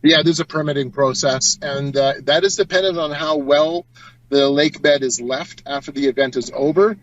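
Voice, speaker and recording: A man's voice: fairly high pitch, moderate pace, fairly bright tone. Dull lo-fi field report from a man. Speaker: on-site correspondent. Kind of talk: informal live field report, answering an interviewer. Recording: dull, lo-fi remote call audio.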